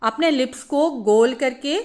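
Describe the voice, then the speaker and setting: A woman teaching a phonics lesson for parents, demonstrating each letter sound slowly. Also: high-pitched.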